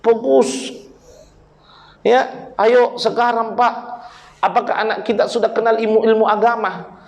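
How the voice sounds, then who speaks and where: Preacher, male, high voice, blunt comic delivery, speaks straight to the crowd. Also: steady tone, unhurried, creaky, highs cut off. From Makassar, South Sulawesi. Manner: blunt, joking, addresses the men in the crowd directly. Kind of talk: humorous sermon.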